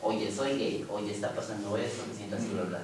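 A man's voice: fairly low pitch, fairly even intonation, a little fast, a little mellow. Thoughtful man in an echoey room. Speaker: panelist. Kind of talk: reflective discussion with a personal story. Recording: echoey room, distant mic.

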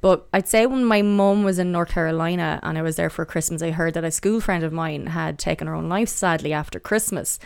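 A woman in her thirties with a softened Irish Midlands accent, chatting and correcting herself as she recalls her life in a casual interview. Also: fairly low pitch, a little fast, vocal fry, hardly any pauses, clean tone. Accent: Irish Midlands, softened by elocution lessons. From Athlone, Irish Midlands. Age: 30s. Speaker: podcast guest, powerlifter. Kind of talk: casual interview, personal recollection.

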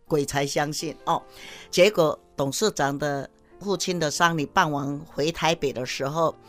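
A woman sales manager, telling a story in a lively lecture that often addresses the audience. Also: low voice, a little slow, soft background music. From Taiwan.

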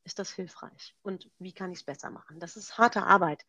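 A woman's voice: fairly low pitch, moderate pace, sharp tone, husky, no room sound. A middle-aged woman coach explaining self-coaching exercises step by step in an interview, in a practical, example-driven way.

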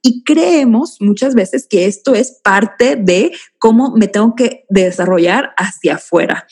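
A woman's voice: medium pitch, unhurried, a little mellow, husky. A woman, a guest explaining feelings in a reflective, teaching way and addressing the host by name. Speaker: guest speaker on emotions. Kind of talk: explanatory conversational talk.

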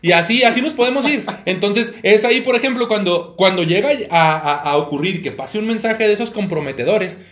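A Mexican man with a high voice co-hosting a casual podcast. He speaks haltingly, restarting and repeating words as he talks. The sound is echoey, as in a bare room. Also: expressive, fairly bright tone. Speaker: podcast co-host. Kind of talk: casual joking chat.

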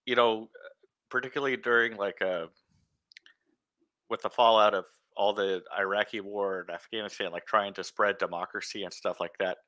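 A man's voice: on the low side, steady tone, normal speed, sharp tone, no room sound. A man chatting about politics in a loose, casual way, hedging his points.

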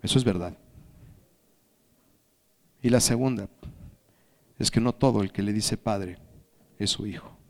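A man preaching a sermon as pastor, asking the congregation questions and swinging from hushed whispers to shouted emphasis. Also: fairly low pitch, unhurried, long pauses.

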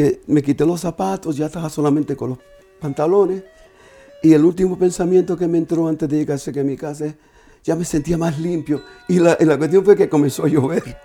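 A man sharing an emotional personal testimony, telling it in an earnest, halting way with many restarts. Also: fairly high pitch, warm tone.

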